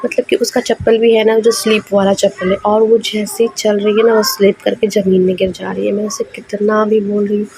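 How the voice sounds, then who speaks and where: A woman's voice: medium pitch, flat delivery, brisk, hardly any pauses, darkish tone, a little hiss or hum, rough recording. A young woman, a mother and vlogger, chatting casually with lots of fillers. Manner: chatty, conversational with many fillers. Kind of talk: casual vlog narration.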